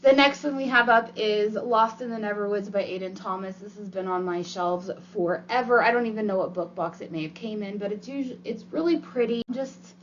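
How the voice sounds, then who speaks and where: A woman's voice: medium pitch, brisk, hardly any pauses. A woman in her thirties chatting frankly and casually to camera about books, like a vlogger at home. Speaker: book vlogger. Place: small room at home, indoors. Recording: dull lo-fi sound, background noise with clicking. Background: clicking and laundry noise.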